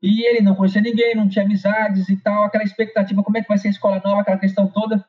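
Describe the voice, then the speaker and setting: High-voiced São man giving encouragement. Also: flat delivery, racing. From São Paulo, Brazil. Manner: conversational, repeats phrases and tags with "né". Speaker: motivational speaker. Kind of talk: motivational talk with personal anecdote. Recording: slightly dull lo-fi recording.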